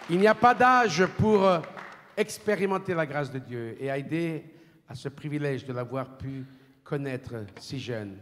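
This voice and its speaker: A man's voice: on the high side, a bit bright, a little hiss or hum. A man hosting a church service in a church hall, introducing a speaker and answering with fervent, exclamatory praise. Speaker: church leader presenting a testimony. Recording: long church-hall reverb.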